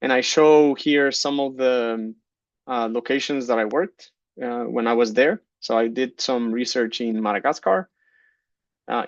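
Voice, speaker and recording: A man in his thirties from Guatemala, giving a conference keynote talk, relaxed, with many fillers and restarts. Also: mid-range voice, vocal fry, dry recording, muffled recording. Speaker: keynote speaker, geologist. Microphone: computer mic on a video call.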